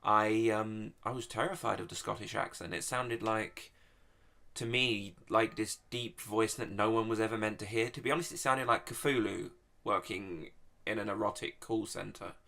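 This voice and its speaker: A man's voice: lowish voice, fairly even intonation, normal speed, vocal fry, sharp tone. A man from England, delivering a crude, swearing comedy rant in a mock-serious tone. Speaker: YouTube comedian answering online questions.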